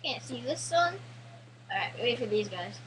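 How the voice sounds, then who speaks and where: A woman's voice: on the high side, lively intonation, normal speed, noisy background. A teenage girl giving casual, rambling, jokey gameplay commentary full of "like" and restarts.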